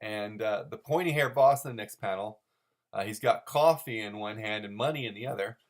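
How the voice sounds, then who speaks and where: A man with a lowish, brisk voice hosts a solo show commenting on comic strips, rambling without a script. He sounds mock-serious and overanalytical, repeating phrases for emphasis.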